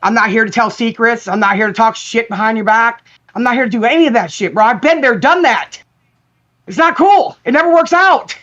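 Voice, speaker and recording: A woman's voice: on the high side, a little fast, fairly bright tone, lo-fi sound. A woman calling into a livestream, apologizing in a pleading voice and repeating herself. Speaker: guest calling in.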